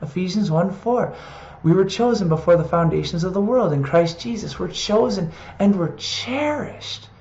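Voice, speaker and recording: A preacher giving an earnest, heartfelt scripture reflection and reading Bible passages aloud with quiet emphasis. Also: medium pitch, lively intonation, moderate pace, reverberant, dull audio. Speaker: preacher in an online video series.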